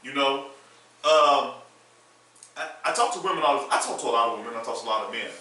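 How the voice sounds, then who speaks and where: A man's voice: mid-range voice, expressive, fast talker, sharp tone. A man hosting a panel talk show, blunt and outspoken in casual discussion. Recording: echoey room from far off.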